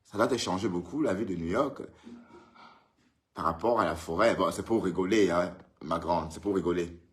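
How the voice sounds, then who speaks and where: A man with a low voice and a moderate pace hosts a casual live stream from his home in Europe. Chatty and teasing, he greets his viewers by name.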